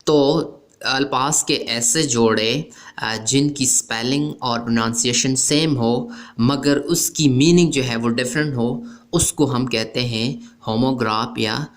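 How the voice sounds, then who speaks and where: A man's voice: mid-range voice, slow, hardly any pauses. A man teaching an English grammar lesson, explaining terms methodically and repeatedly checking in with "okay" after each point. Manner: mixes English terms into everyday speech. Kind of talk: explaining a grammar lesson over written examples.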